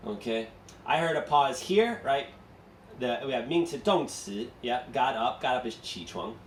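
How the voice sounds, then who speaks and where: A man's voice: mid-range voice, lively intonation, normal speed, slight background noise. A man teaching an English class, explaining step by step and asking students questions, switching between English and Mandarin. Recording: echoey room, mic far off.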